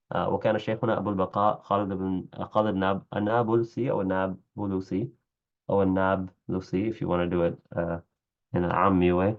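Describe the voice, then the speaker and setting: A man's voice: low voice, dull audio. A man teaching a class. He reads a classical Arabic text aloud, stops to comment in English and corrects his own slips as he goes. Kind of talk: reading aloud and explaining in a class.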